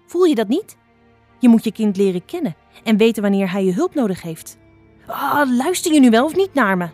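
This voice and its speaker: A woman voicing a blind, sharp-tongued old female fox who scolds impatiently. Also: mid-range voice, very animated, a little fast, faint music behind. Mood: stern.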